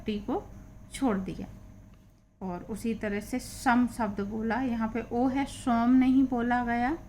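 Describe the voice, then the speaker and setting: A woman's voice: mid-range voice, slight background noise. A woman teaching an English reading lesson, patiently spelling out and repeating each word.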